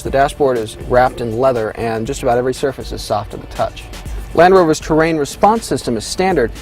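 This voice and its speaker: A man presenting a car review video with wry, joking asides. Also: medium pitch.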